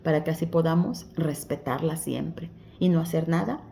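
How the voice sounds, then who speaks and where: A woman's voice: sits low, moderate pace, vocal fry, dark tone, a little hiss or hum. A woman giving a devotional Bible explanation, exhorting her listeners as dear ones in simple, conversational preaching. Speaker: Bible study teacher.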